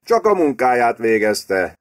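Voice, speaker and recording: A man's voice: medium pitch, sing-song, pitched above the performer's own voice, close to an everyday voice. A man voicing a wry middle-aged prime minister in an audiobook, with dry remarks. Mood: calm. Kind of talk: audiobook character voice.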